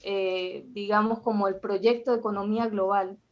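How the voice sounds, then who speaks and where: A woman in her forties from Venezuela with a Venezuelan accent, sharing a measured, hesitant comment as a participant. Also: medium pitch, fairly even intonation, lo-fi sound. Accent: Venezuelan Spanish. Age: 40s. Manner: measured, hesitant, with many fillers. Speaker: audience participant, accountant. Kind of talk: conversational comment.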